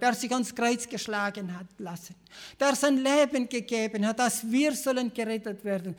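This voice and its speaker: A man with a Swabian accent preaching a sermon, earnest and repetitive, often restarting phrases and clearing his throat. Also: very high voice.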